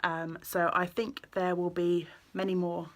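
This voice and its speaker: A woman, chatting casually about her knitting in a vlog, rambling along with many ums and quick self-corrections. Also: on the low side, level tone. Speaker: knitting vlogger and yarn shop owner.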